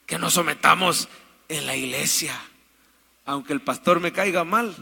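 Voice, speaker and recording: A man's voice: on the high side, measured pace, creaky, bright, forceful tone, slightly rough, long reverb tail. A man preaching an emphatic sermon and calling out to the congregation for amens. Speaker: pastor. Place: church.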